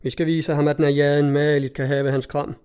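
A man reading a gruff hot-tempered skipper. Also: fairly high pitch, flat delivery, a little mellow, close to an everyday voice. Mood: gruff, scornful. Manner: barks orders, gruff and blunt. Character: hot-tempered middle-aged male cutter skipper.

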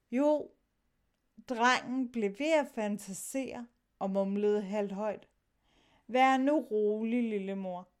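Woman reading a sailors' tale, high voice. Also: smooth. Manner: reads many sailors' lines with shifting tone. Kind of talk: dramatic reading of a sea story.

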